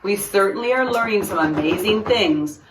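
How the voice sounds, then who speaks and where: A woman's voice: mid-range voice, expressive, normal speed, noisy background, lightly acted. A woman voicing a polite, earnest young schoolgirl from a children's storybook, speaking plainly. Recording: roomy echo, distant microphone.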